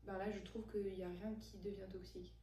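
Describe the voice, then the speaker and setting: A young woman in her twenties talks as a podcast guest, thoughtful and hesitant, pausing on fillers. Her voice stays flat and mellow. She is some distance from the mic in an echoey room with a faint hum behind her. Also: medium pitch. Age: 20s. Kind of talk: casual conversation.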